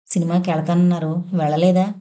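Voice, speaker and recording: A woman's voice: on the low side, flat delivery, a little fast, warm tone, natural voice. A woman reading a story, voicing a nervous young wife who stammers and dodges questions. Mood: flustered. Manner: stammering, evasive. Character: young wife, flustered and hiding something.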